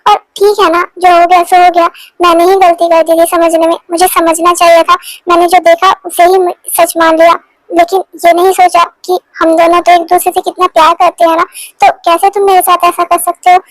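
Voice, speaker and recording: A young girlfriend scolds and teases her boyfriend in a fan-dubbed romance. Her voice is very high and even, with a dry close sound. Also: brisk, no echo, low-quality recording. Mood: reassuring. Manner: scolding then apologetic. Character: hurt, teasing young woman, the girlfriend. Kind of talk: Hindi fan dub of a romance story.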